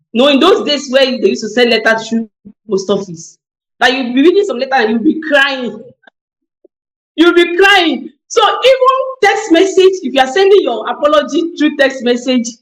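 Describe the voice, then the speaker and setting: A woman's voice: high voice, roomy sound, poor audio. A woman on a TV panel discussion, speaking emphatically and repeating key phrases for weight. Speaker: talk show panelist.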